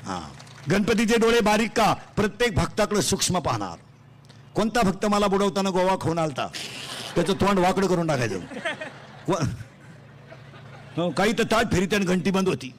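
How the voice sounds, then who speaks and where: A man delivers a comic devotional sermon through a stage microphone. He declaims loudly in a high register and fires quick questions at the crowd. A faint hum sits under the voice. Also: lively intonation. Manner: loud, declaiming, quizzing the crowd for quick answers. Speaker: kirtan preacher. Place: festival pandal stage.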